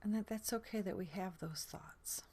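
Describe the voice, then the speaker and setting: A woman guides a sleep meditation gently and soothingly, unhurried and with long pauses, her medium-pitched soft voice often fading into a breathy near-whisper.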